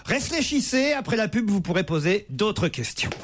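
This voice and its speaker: A man hosting a radio game show, teasing his panel in quick quizmaster banter. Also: high-pitched, sing-song, noisy background. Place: radio studio.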